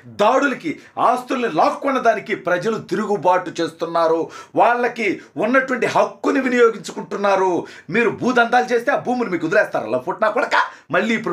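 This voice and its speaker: A man delivering an angry political rant, hurling insults and rapid-fire accusations. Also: sits high, fairly bright tone. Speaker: political party supporter.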